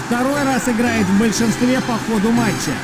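A man doing play-by-play hockey commentary for a sports video game, calling shots and goals excitedly in clipped phrases. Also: extremely high pitch, normal speed, very noisy.

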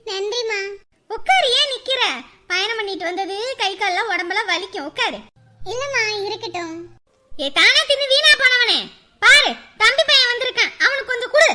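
A woman's voice: very high voice, moderate pace, bright, forceful tone, heavily acted. An actress playing a bustling mother who scolds her child and fusses over her guests. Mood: scolding.

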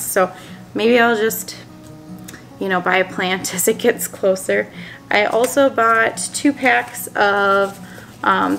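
A woman in her thirties chats easily to a camera across her dining table, upbeat and loose with plenty of ums. Her mid-pitched voice carries a gravelly fry at the ends of phrases. The sound is that of a small indoor room picked up from table distance. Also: a bit bright. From Minnesota, USA. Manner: chatty, upbeat, many ums, shows seed packets. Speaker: homesteading vlogger. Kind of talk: casual chat to camera.

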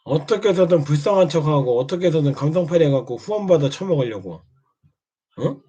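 A man's voice: fairly high pitch, lively intonation, brisk, mellow, husky. A man taunting and scolding another streamer in a mocking monologue, prodding again and again with short questions. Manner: needling, keeps prodding with "eh?". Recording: dull lo-fi sound.

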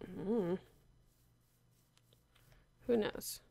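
Playing Minecraft, a woman casually talks to herself in a warm, creaky, medium-pitched voice, speaking extremely slowly. She sounds unsure and wry as she mutters about where she is.

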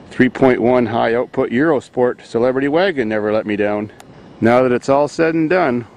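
Rambling man outdoors on a farm. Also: medium pitch. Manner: rambling, jokey, deadpan. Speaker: vlogger. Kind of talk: casual vlog walkthrough.

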